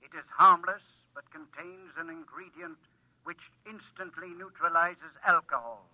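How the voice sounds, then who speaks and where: An actor voicing a helpful, matter-of-fact computer with measured, impersonal delivery in an old radio drama. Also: male voice, a little high, no room sound, close to an everyday voice. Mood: instructive. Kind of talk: old-time radio acting. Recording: dry, dull vintage radio recording.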